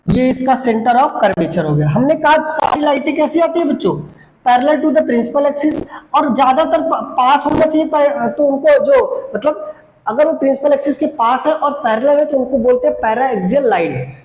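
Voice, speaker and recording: A woman's voice: a little high, darkish tone. A woman teaching a physics lesson at a board. She repeats key terms, asks questions and answers them herself, and stretches English definitions out word by word. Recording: roomy echo, faint background noise.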